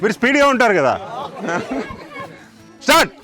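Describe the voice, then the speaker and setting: Man, high voice, village game host, counting out loud, music underneath. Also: animated, brisk, a crowd in the background. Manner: shouts the counts loudly, jokes with villagers. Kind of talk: lively outdoor game hosting, counting aloud. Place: village outdoors.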